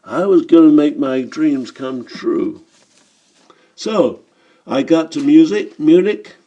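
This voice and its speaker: Man reading a sly boastful swindler, chuckling, mellow voice, audiobook. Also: fairly high pitch, animated, slow, lo-fi sound, full character voice. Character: boastful middle-aged male German swindler. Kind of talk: audiobook storytelling.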